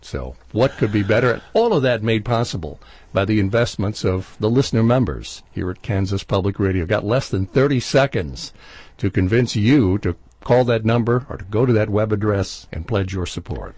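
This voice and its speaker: A man's voice: lowish voice, expressive, normal speed, a little mellow, breathy edge, no echo. A man hosting a public radio pledge drive, chatting casually and joking between call-to-action lines. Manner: chatty, jokey asides.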